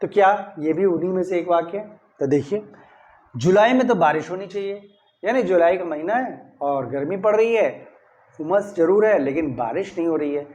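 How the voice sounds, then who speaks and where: High-voiced male grammar teacher. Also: lively intonation, normal speed, darkish tone. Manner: explains step by step, often asks "clear?"; stresses key words when saying model sentences. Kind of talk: classroom-style grammar lesson.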